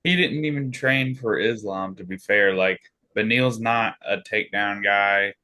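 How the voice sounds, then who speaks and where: A man with a low but bright, forceful voice on a podcast. He talks in a matter-of-fact way, reeling off lineups and facts one after another. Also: measured pace. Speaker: podcast co-host. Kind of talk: casual chat about fights.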